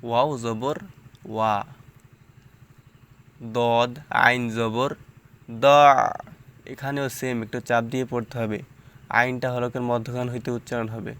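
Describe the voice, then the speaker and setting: Man, Quran reading teacher, bright tone, spells out syllables patiently, repeats each sound. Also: mid-range voice, level tone, clean tone. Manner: slow syllable-by-syllable drilling, explaining pronunciation patiently.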